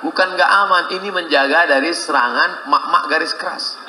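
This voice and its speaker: A man giving a humorous sermon to a crowd, animated and jumping into shrill voices when he quotes people. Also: a little fast, very noisy. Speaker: preacher. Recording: echoey hall, live sermon.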